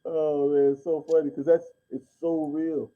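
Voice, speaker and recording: A man's voice: on the high side, level tone, moderate pace. Muffled man, as if through a wall. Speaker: livestream co-host. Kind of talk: casual chat. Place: away from home, remote. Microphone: laptop headset on a remote call. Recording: muffled remote headset audio, like through a wall.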